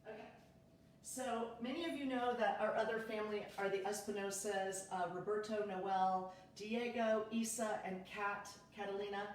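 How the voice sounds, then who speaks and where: A woman's voice: medium pitch, fairly even intonation, moderate pace, far from the mic, a little hiss or hum. Chatty woman in an echoey kitchen. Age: 30s. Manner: chatty, bubbly, greets viewers by name. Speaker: realtor and livestream host. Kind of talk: casual livestream chat. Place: home kitchen. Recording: echoey room, from off-mic.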